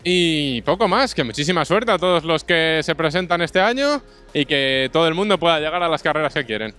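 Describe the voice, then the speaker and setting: A man's voice: on the high side, lively intonation, a little fast, sharp tone, smooth. A young man hosting a casual street interview outdoors on a busy city street, speaking into a handheld microphone in an upbeat, chatty way. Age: young adult.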